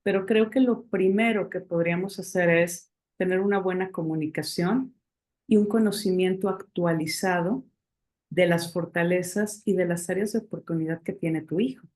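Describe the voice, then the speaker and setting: A woman's voice: lowish voice, echoey room. A woman, a parenting expert explaining a technique and checking in with her listeners as she goes. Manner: warm, coaching, checks in with "¿sí?" and "ujú". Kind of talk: explaining technique to a live audience.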